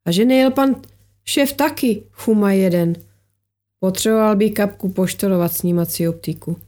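A woman's voice: medium pitch, mellow, close to an everyday voice. A woman reading aloud, voicing a grumbling male office worker on a night hike in an audiobook. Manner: grumbling, mocking.

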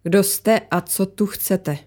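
Woman doing a tense female war photographer, defensive, snappy, mellow dark tone. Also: medium pitch, close to an everyday voice. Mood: agitated.

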